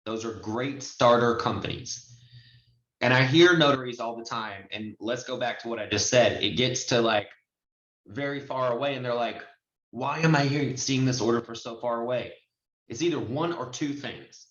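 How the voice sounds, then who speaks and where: A man hosting a notary training session explains things step by step in an emphatic, conversational style during an informal online lesson, sharing his screen on a video call from indoors. His voice is medium-pitched and fairly bright, at a normal speed. The sound is muffled and roomy.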